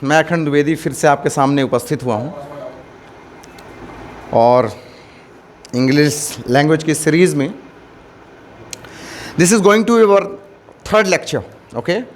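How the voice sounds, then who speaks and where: An Indian man gives a measured English grammar lecture, pitched high for a man. He takes his time, mixing Hindi and English and echoing each point back to his students. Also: a little hiss or hum. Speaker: English teacher. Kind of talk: classroom lecture.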